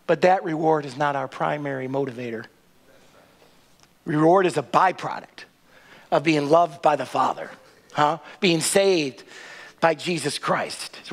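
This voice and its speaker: High-voiced male pastor preaching. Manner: emphatic, rhetorical questions with a tag "right?". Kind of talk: sermon. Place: large church sanctuary with a stage.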